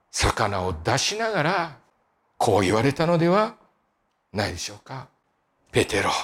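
A male pastor delivering a sermon in a high, bright-toned voice. His pitch leaps and swoops as he tells the story, rising on key moments, then dropping to near-whispered endings. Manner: storytelling, shifting between lively emphasis and quiet soft endings.

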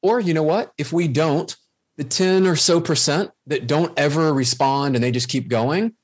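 A man's voice: on the high side, normal speed. Male podcast guest, assured coaching tone, casual, acts out little quotes. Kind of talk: casual interview chat.

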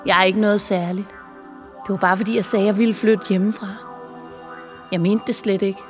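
A woman's voice: medium pitch, fairly even intonation, in a large hall, faint music behind, natural voice. Woman voicing an eager, idea-filled young girl. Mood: modest. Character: young girl, full of bold ideas.

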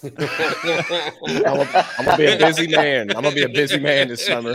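A man's voice: medium pitch, brisk, a loud crowd. A man chatting on a group call, laughing often and restarting his sentences. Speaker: paintless dent repair tech and amateur actor. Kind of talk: casual group video call chat.

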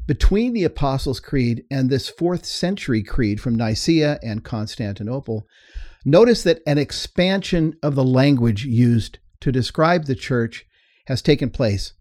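A man's voice: medium pitch, lively intonation, measured pace, a little mellow, no echo, studio quality. A middle-aged man co-hosting a talk show, explaining things earnestly and laughing easily. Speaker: co-host and teacher. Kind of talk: explanatory discussion.

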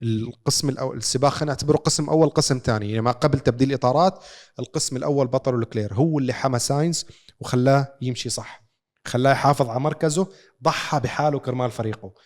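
A man's voice: medium pitch, very fast. A man with a Levantine Arabic accent, co-hosting a podcast with a casual sports recap, told like a story with rhetorical questions. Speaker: podcast co-host.

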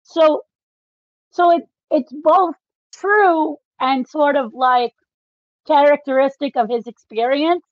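Speaking slowly in a high voice, this female podcast co-host explains things about a book with the excitement of a devoted fan in a casual discussion. Sound quality is dry and somewhat dull.

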